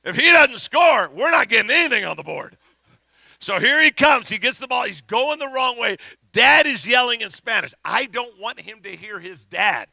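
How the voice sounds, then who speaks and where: A middle-aged man preaching a sermon as pastor, telling a story with animated energy and shouting at the big moments. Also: extremely high pitch, moderate pace, vocal fry, no echo.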